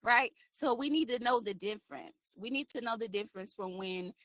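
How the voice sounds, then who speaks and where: A woman's voice: a little high, moderate pace, a bit bright, no room sound. A woman coach giving an informal devotional talk to women, conversational and preachy, often checking in with "right?". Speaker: faith-based women's coach.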